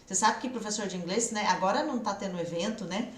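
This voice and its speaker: A woman from Brazil teaching English online, cheering her students on and slowing down to model English phrases. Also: medium pitch, reverberant, slight background noise.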